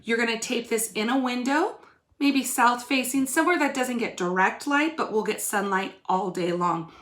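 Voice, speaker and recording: In an echoey room, a woman teacher gives young pupils an informal video lesson, talking to them directly and explaining things step by step. Her voice is a little high and a bit bright, at a normal speed.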